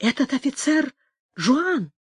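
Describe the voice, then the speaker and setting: A woman voicing a jilted young woman in an audiobook, speaking in a hushed, shaken whisper. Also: high voice, sing-song, slow, no room sound, voice pushed up, heavily acted. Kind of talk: dramatic audiobook reading.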